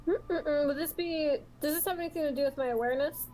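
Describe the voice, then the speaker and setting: A woman's voice: high-pitched, quick pace, warm tone, faint music behind, rough recording. A woman playing in a tabletop game, describing her character at length with giggles. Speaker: player. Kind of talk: casual tabletop play.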